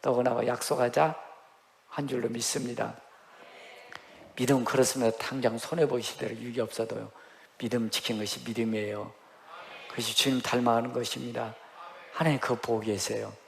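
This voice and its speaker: A man's voice: mid-range voice, flat delivery, brisk, vocal fry, pauses often. A male pastor preaching a Sunday sermon in a church, exhorting the congregation emphatically, with casual asides. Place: church sanctuary. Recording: long church hall reverb.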